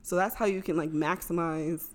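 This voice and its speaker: A woman's voice: fairly low pitch, steady tone, normal speed. A woman chatting casually on a podcast, explaining travel tips and laughing often. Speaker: podcast co-host.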